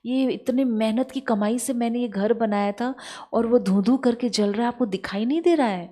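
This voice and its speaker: A woman's voice: fairly high pitch, moderate pace, dark tone, close to an everyday voice. A woman voicing a wealthy old merchant father who weeps over his burning house, acted out in a spiritual storytelling lesson. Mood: distressed. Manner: wailing, then relieved.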